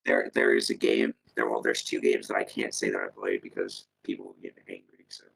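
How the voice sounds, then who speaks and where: A man's voice: extremely low pitch, flat delivery, brisk, creaky, a bit bright, husky, poor audio. A man in a casual gaming chat, talking through a voice changer and teasing the host. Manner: teasing, interrupts with jokes. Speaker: podcast guest. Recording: voice changer with background noise.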